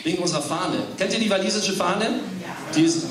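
Man, thirties, stand-up comedian, teasing the crowd, high voice, far from the mic. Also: a little fast. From Germany, Welsh family. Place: comedy club stage. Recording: echoey stage from far off, audience noise.

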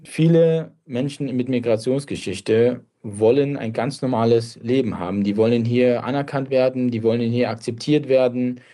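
A man of Kurdish background raised in Germany, answering interview questions in a reflective, measured way with brief restarts. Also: medium pitch, dark tone. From Kurdish family, grew up in Germany. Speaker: interview guest.

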